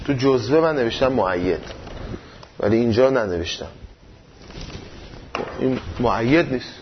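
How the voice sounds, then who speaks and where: A man lecturing a seminary class, his high voice rising and falling a great deal as he works through an argument. He poses questions and answers them himself. The recording sounds a little dull and lo-fi. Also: slight background noise. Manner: explanatory, rhetorical questions, swings up and down in pitch. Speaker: teacher of Islamic jurisprudence.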